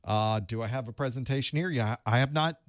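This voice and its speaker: A man's voice: medium pitch, fairly quick, dry recording, studio quality. A man hosting a live study-group stream, chatting casually and greeting viewers while he sets up his gear.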